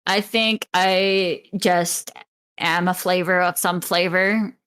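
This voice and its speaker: A woman's voice: fairly low pitch, fairly even intonation, slow, fairly bright tone, smooth. A young adult woman co-hosting a podcast, chatting casually and telling stories in a rambling way. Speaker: podcast co-host. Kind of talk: casual chat.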